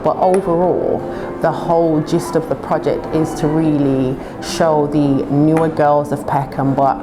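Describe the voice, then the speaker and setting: A woman with a London accent chats casually in a low-pitched voice. Her manner is playful and jokey. Music runs clearly underneath. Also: fairly even intonation, measured pace, low-quality recording. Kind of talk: casual chat. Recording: music behind the voice.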